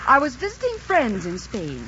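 An actress playing a haughty young general's daughter taken captive by pirates, in an old radio drama. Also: female voice, on the high side, wildly swooping pitch, moderate pace, a bit bright. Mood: defiant. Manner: haughty, indignant. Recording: noisy, dull old radio recording.

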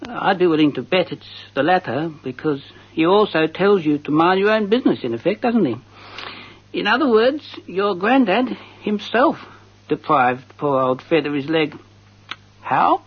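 On a slightly dull-sounding radio recording, a mock-serious advice host works through listeners' letters in a comic monologue, his husky voice rising and falling widely as he darkly speculates. He is earnest, conversational and deliberate, slipping into a sing-song, exaggerated voice.

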